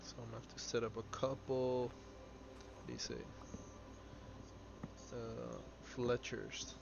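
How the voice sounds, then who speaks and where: Young male streamer, early twenties, loose rambling chat with chat, slightly muffled audio and steady background hiss. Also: medium pitch, takes it slowly. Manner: rambling, filler-heavy, answers chat offhand. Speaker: game streamer. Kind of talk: casual live-stream chat while playing. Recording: slightly dull audio with clear background noise.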